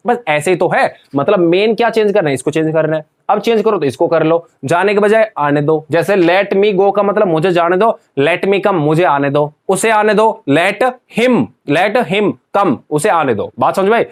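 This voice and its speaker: A man with a notably high voice teaches students English grammar, drilling them by asking a question and answering it over and over. He is unhurried and hardly pauses.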